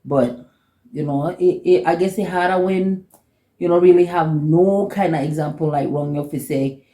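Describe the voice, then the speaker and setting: Creaky-voiced woman with a Belizean Kriol accent. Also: low-pitched, normal speed, warm tone. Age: 40s. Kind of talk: casual sisterly chat. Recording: echoey room.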